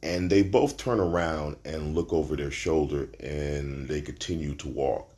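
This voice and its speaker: A Brooklyn man with a New York accent and a very low, deep voice hosts his own podcast. He talks casually and slangy, with plenty of profanity, and his pitch jumps sharply upward when he lands a punchline. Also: a little slow, warm tone. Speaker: podcast host. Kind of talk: casual solo podcast storytelling.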